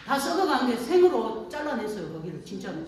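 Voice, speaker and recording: A woman pastor with a preaches to elderly listeners in a folksy, storytelling way and keeps asking them questions. Her voice sits a little high. She sounds distant, in a very echoey room with faint noise behind her. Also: big pitch swings, a little fast. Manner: folksy storytelling, frequent call-and-response questions. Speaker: pastor at an elder care center. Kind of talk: sermon to elderly congregation.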